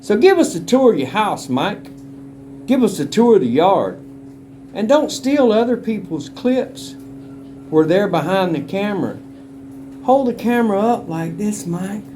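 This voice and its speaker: Man vlogger, rambling and defiant, slightly high voice, handheld camera outdoors, cigar in mouth. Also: sing-song, a little slow, warm tone, a little hiss or hum. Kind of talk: casual walking vlog tour. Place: outdoors at a rural family home.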